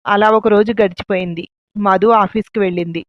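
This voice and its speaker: A woman narrating a family drama story in a calm, measured way. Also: medium pitch, dry recording. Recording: dull lo-fi, dry.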